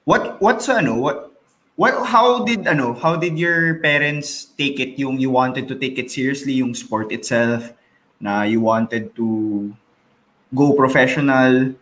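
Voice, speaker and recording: A man co-hosting an interview, asking questions with halting restarts. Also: mid-range voice, fairly bright tone. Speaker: co-host. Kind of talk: casual interview chat, mixing English and Tagalog.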